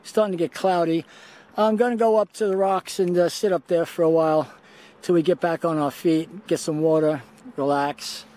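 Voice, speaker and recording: An older man chatting casually to his handheld camera outdoors on a rocky beach, relaxed and talking to his dog now and then. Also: on the high side, normal speed. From Scotland. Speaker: vlogger. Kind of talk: casual hiking vlog to camera. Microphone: camera held at arm's length.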